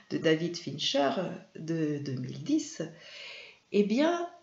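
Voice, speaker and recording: A woman from France gives an explanatory lesson on film and media at a slow, deliberate pace, her voice carrying a gravelly edge. She pauses often, filling gaps with hesitations and correcting herself mid-phrase. The recording is echoey and slightly dull. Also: lowish voice, darkish tone. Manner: unhurried, hesitant, frequent fillers and self-corrections. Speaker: media trainer and presenter. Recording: echoey room, dull lo-fi sound.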